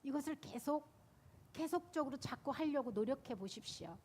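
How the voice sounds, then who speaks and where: A woman, a Buddhist nun, giving a sermon and telling stories in a lively, animated way. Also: high-pitched, moderate pace. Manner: lively storytelling, animated and laughing.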